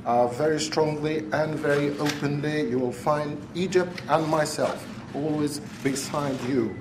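A man serves as a live interpreter, rendering a leader's formal remarks in measured, halting chunks at a slightly raised pitch. The sound is roomy and echoey. A clear hum of ambient noise runs underneath. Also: fairly even intonation.

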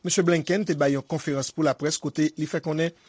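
Male news anchor, fairly high voice, chatty delivery, dry studio sound. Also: steady tone, brisk, a little mellow, breathy edge, no room sound. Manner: conversational, with spoken fillers. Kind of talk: broadcast news presenting.

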